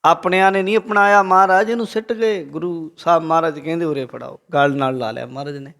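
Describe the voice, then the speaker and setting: Speaking quickly with a fairly high pitch, a Punjabi-accented Sikh preacher addresses a congregation. He is lively as he preaches, quotes the Guru and tells a story.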